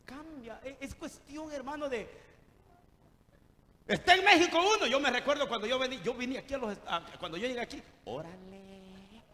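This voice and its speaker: Lively Salvadoran preacher in an echoing hall. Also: male voice, extremely high pitch, brisk, a little hiss or hum. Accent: Salvadoran Spanish. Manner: animated, jokey, addresses listeners as brother. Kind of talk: sermon.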